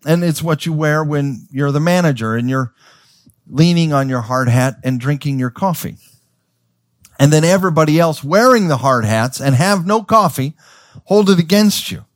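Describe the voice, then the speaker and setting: A man's voice: fairly high pitch, expressive, moderate pace, no echo, studio quality. A man preaching a sermon as pastor. He tells the story in a conversational way, with stammers and restarts, and acts out the characters' voices.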